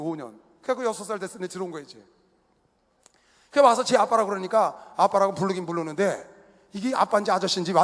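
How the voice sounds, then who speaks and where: Husky middle-aged pastor in echoing hall. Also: male voice, very high voice. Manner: animated storyteller who acts out family dialogue and laughs at himself. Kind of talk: sermon with personal storytelling. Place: large indoor sports arena used for worship. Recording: echoey arena hall.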